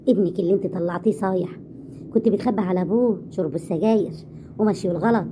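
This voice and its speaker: A woman's voice: medium pitch, mellow, a little hiss or hum, voice pushed down, lightly acted. A woman doing a scolding Egyptian mother-in-law. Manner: scolding, mocking, rapid. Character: sharp-tongued older mother-in-law, scolding.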